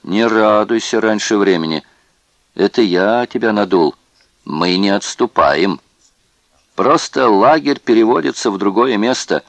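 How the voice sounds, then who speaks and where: A man's voice: lowish voice, expressive, unhurried, no room sound. A man voicing a cruel, tipsy male camp guard who taunts in a mock-friendly way. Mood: taunting.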